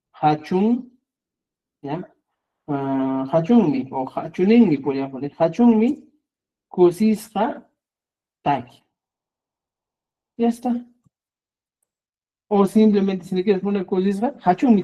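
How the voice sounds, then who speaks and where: A man's voice: high voice, mellow, lo-fi sound. A man teaching an online language class, patiently explaining and often checking in with the students.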